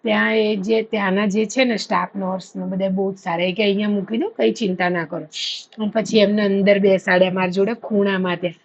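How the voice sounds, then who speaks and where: A woman's voice: mid-range voice, brisk, creaky, highs cut off. A woman, chatting casually to camera in a storytelling way. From India. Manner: chatty storytelling, animated when retelling. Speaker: vlogger.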